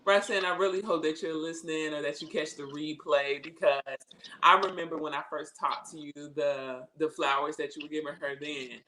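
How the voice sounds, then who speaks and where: A woman's voice: low voice, fairly even intonation, moderate pace, sharp tone, rough recording. A woman hosting a live podcast interview over a video call. She talks emphatically and repeats words for stress. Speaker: podcast host.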